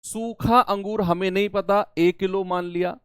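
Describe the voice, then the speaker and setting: A man's voice: sits high, fairly even intonation, measured pace, smooth, dry recording, studio quality. A man teaching a math lesson, explaining problems step by step and asking his students questions as he goes.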